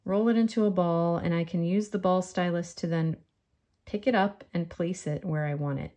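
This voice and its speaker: Woman demonstrating a clay tutorial, slightly low voice. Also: moderate pace, warm tone. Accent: faint New York. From New York. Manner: friendly step-by-step demonstration. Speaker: polymer clay artist. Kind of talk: crafting tutorial.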